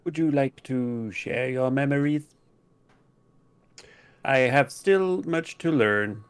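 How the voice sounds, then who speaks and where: A man's voice: mid-range voice, slow, clear, resonant tone, close to an everyday voice. A man voicing a young, polite autognome in a tabletop game, careful, literal and formal in speech. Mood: earnest. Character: young, earnest, polite robot autognome eager to learn.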